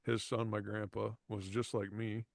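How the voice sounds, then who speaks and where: A man chatting casually on a podcast, halting and full of fillers, often clearing his throat. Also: lowish voice, little pitch movement, no room sound. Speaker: podcast co-host. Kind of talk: casual chat.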